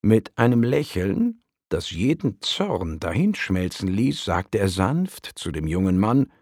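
Brief: male narrator, calm storybook reading, very slow, dry close sound. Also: lowish voice, dry recording.

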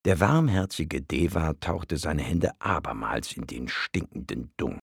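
A man narrating a storybook-style audiobook in a measured, expressive way. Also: extremely low pitch, gravelly, husky, no echo, studio quality.

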